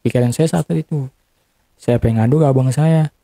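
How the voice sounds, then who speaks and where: A young man in an interview telling an emotional personal story, halting and often repeating or restarting his words. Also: mid-range voice, gravelly, dark tone, dry recording.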